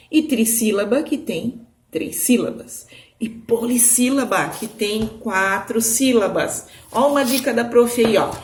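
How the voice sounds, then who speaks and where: Sing-song teacher for young children. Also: female voice, on the high side, a little mellow. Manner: slow, sing-song, stretching key words; keeps checking with "certo?" and "né?". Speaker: primary school teacher. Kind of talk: video lesson for young children.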